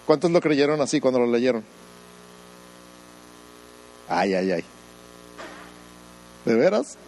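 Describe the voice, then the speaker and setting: A man pastor delivering a lively sermon. He peppers the congregation with rhetorical questions, slips into mocking voices of doubters, and throws in joking asides, all in a middle-pitched voice. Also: slow, slight background noise, low-quality recording.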